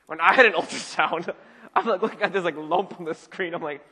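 A young man gives a relaxed, talky sermon, peppered with fillers like "you know" and "like." His voice sits a little high for a man. It rings out with the long reverb of a church hall. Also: brisk, husky. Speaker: pastor. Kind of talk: casual conversational sermon.

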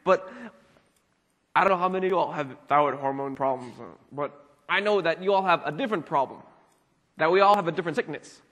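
A man's voice: a little high, quick pace, fairly bright tone, lo-fi sound. A young man preaching a casual, conversational sermon as a pastor, full of "you know" and "like" fillers. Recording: long reverb of a hall.

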